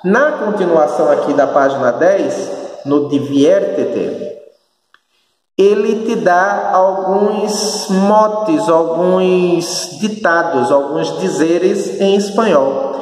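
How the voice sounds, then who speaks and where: A man with a Brazilian northeastern accent teaching a recorded class, speaking slowly and patiently, often checking that students follow. His voice sits a bit high for a man. It is heard from some distance in a bare room with a long, ringing reverb. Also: a little mellow. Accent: Brazilian Portuguese, northeastern. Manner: slow, explanatory, checks understanding with frequent tag questions. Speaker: Spanish teacher. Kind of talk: recorded remote class lesson. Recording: echoey room, voice far from the mic.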